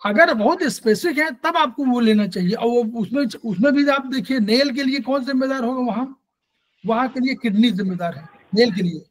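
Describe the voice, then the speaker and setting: A man with a strikingly high voice leads an acupressure lesson, answering students and going over points again and again. He slips English technical terms into his speech. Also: a little fast, low-quality recording. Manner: explains in plain terms, repeats points, Hindi mixed with English terms. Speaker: acupressure teacher. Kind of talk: classroom Q&A on acupressure.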